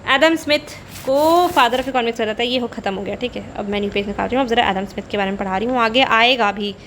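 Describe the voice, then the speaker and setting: A woman's voice: a little high, quick pace, a bit bright, a little hiss or hum. A woman teacher giving a conversational economics lecture, repeating key points and slipping between Hindi and English.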